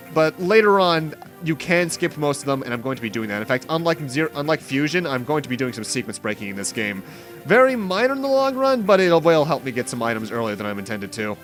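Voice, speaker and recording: With a slightly high, somewhat bright voice, this gameplay host gives let's play commentary over background game music. He tends to ramble through his explanations, dropping dry asides along the way.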